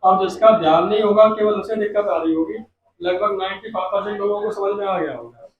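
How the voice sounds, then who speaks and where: A male teacher explaining an English lesson in Hindi. He reads the English sentences aloud and loudly, then breaks them down word by word and keeps quizzing the class. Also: high voice, a little fast, dull audio. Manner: quizzes the class with repeated questions. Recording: roomy echo, far from the mic, noisy.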